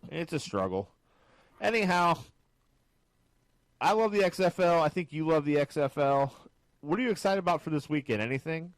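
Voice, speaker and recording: A man co-hosting a podcast, chatting about football in a jokey, excitable way. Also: moderate pace, pauses often, no echo. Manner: animated, jokey, swings pitch high when excited. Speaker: podcast co-host. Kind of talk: casual sports chat.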